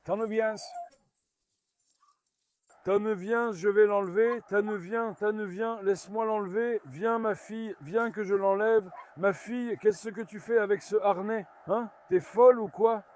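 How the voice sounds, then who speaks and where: A man filming a casual vlog at his farm, coaxing and calming his dogs while chatting to viewers. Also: high-pitched, a little slow. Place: farmyard outdoors.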